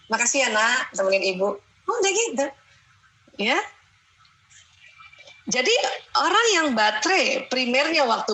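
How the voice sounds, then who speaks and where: A middle-aged woman gives a lively parenting seminar in a bright, clear voice set a little high. She slips into the voices of mothers scolding and coaxing their children to make her points. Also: a little hiss or hum, poor audio. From Indonesia.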